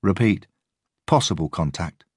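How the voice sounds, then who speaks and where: A man's voice: deep voice, expressive, unhurried, darkish tone, husky, dry recording, studio quality, pitched above the performer's own voice, heavily acted. A man voicing a female police spotter who reports in clipped, urgent radio calls. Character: woman surveillance spotter, urgent and uncertain.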